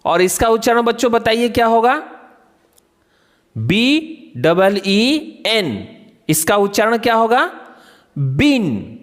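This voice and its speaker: A man's voice: very high voice, animated, measured pace, long pauses. A man teaching children to pronounce English words, spelling each one out letter by letter. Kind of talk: phonics lesson for children. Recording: long hall reverb.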